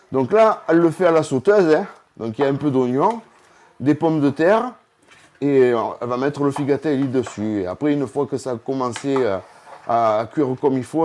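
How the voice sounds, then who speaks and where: A cooking video host from southern France chats directly to the camera in a laid-back vlog filmed in his home kitchen. He has a medium-pitched, darkish voice.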